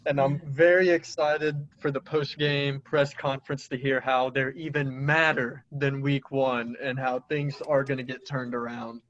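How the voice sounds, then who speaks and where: A man's voice: mid-range voice, little pitch movement, unhurried, few pauses, a bit bright, muffled recording. A man co-hosting a casual sports podcast, giving blunt opinions with dry jabs. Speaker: podcast co-host.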